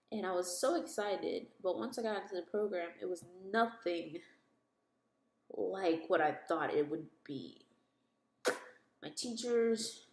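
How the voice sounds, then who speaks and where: A woman in her twenties telling a candid, chatty story about her own life in a casual vlog, laughing between phrases. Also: on the low side. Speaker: vlogger. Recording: roomy echo.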